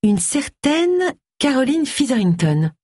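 A woman voicing a kind, gentle vicar's wife who speaks softly and sympathetically. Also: high voice, very animated, slow, breathy edge, dry recording, studio quality, voice pushed up, heavily acted. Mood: friendly.

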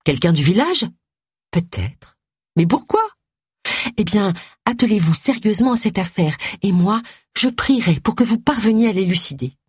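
A woman voicing a composed, kindly vicar's wife in an audiobook, gentle but firm. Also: medium pitch, lively intonation, moderate pace, slightly rough, no echo, clean studio sound, pitched above the performer's own voice.

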